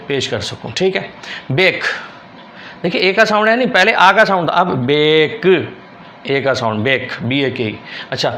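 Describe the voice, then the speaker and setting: In this classroom-style shorthand lesson, a Pakistani man with a Karachi Urdu accent patiently repeats words and spells each one letter by letter. His voice is fairly high and fairly bright, and there is slight background noise.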